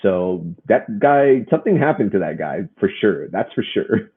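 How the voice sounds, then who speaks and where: A man's voice: lowish voice, sing-song, normal speed, breathy edge. A man co-hosting a gaming podcast, chatting casually and rambling with many restarts. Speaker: podcast co-host. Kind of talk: casual chat. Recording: phone-like muffled audio.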